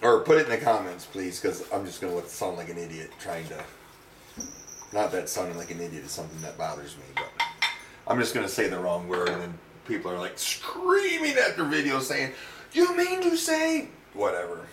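A man's voice: deep voice, fairly even intonation, brisk, a little hiss or hum. A middle-aged man hosting a home cooking demonstration, talking casually with wry, self-mocking, rambling asides. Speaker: home cooking show host. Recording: roomy echo, distant mic.

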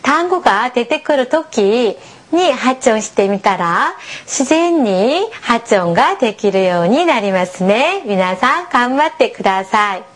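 Patient and encouraging, a female language teacher walks beginners through a lesson. Her high, lively voice delivers each model pronunciation slowly and clearly.

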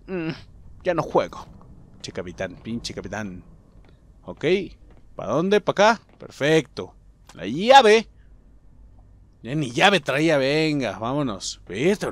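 A man with a Mexican accent commenting casually on a video game, joking, swearing, and talking to his viewers. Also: on the high side. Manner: profane, joking, talks to viewers as "muchachos". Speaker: gaming YouTuber. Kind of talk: casual let's play commentary.

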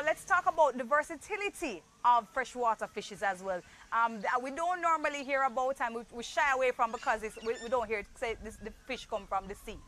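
A woman's voice: on the high side, bright, forceful tone, a little hiss or hum, rough recording. A middle-aged Jamaican woman hosting an outdoor panel interview, chatty and enthusiastic, on a lapel mic. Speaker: panel host. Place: outdoor garden set.

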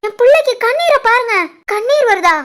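A stubborn, teasing young wife in a cartoon family comedy, voiced by a woman, speaking with a Tirunelveli Tamil accent. Her voice sits extremely high, squeaky and cartoonish, playful and insistent. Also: animated, a little fast, a bit bright. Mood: complaining. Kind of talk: animated family comedy voice acting.

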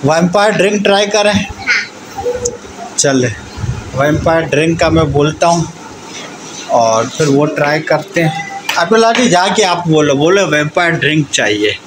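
A man's voice: on the high side, lively intonation, normal speed, pauses often, noisy background. A man in his thirties narrating a casual family vlog from a restaurant and cafe, chatting to viewers and coaxing a child along. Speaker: vlogger. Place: restaurant and themed cafe, partly outdoors.

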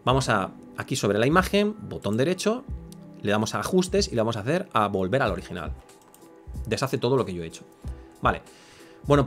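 Fast-talking man explaining software. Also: medium pitch. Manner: chatty, explains step by step, frequent "¿vale?". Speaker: photo editing tutor. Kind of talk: screen-recorded software tutorial. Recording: faint background music.

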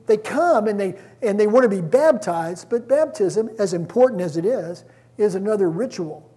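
A man's voice: sits high, a little mellow, breathy edge. A man preaching a conversational sermon, reading scripture aloud with frequent restarts.

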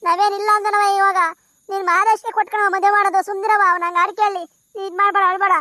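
A woman's voice: very high-pitched, flat delivery, racing, sharp tone, no room sound, studio quality. A woman voicing a cartoon village woman who consoles a crying girl in a soothing, coaxing way. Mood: consoling.

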